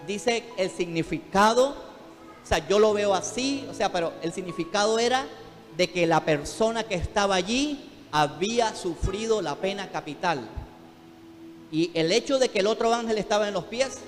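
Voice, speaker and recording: A man's voice: high voice, animated, moderate pace. A man preaching a fervent sermon as pastor in a church, calling out to the congregation. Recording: long hall reverb, faint music behind.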